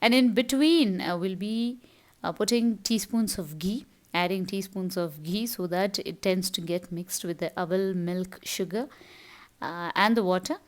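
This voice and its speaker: A woman's voice: mid-range voice, a little slow. A middle-aged woman from South India with a Tamil accent, casually narrating her cooking and chores step by step as a home vlogger. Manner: explanatory, step-by-step.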